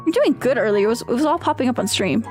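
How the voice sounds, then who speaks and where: A woman's voice: a little high, animated, quick pace, a little mellow, faint music behind. A woman livestreamer chatting casually with viewers in a cute, girlish anime-streamer manner, playful and often repeating her phrases. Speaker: VTuber streamer answering viewer questions.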